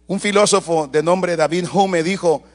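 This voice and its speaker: A man with a notably high voice delivers a sermon in a church. He preaches in an animated way, with loud bursts and asides to the congregation as he tells family stories. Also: moderate pace. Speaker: pastor.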